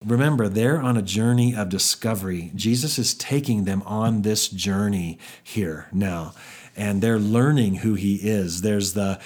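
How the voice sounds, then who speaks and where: Male Bible teacher, lower register, casual and chatty, restarts sentences a lot. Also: measured pace, darkish tone. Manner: conversational, with frequent restarts and fillers.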